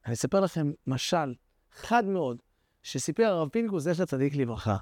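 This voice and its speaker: A man delivers a sermon as an animated storyteller, his voice sitting high for a man. He rises into excited phrases and drops into soft, low ones. The sound is dry and close, with no room echo. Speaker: preacher.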